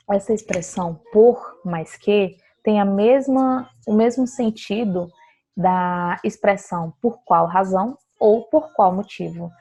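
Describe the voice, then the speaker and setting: A woman teaches a grammar lesson with a gravelly, slightly husky voice. She explains step by step and keeps checking that her students follow. Her pitch sits in a middle range. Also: dark tone. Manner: explains patiently, often checking with "tá?".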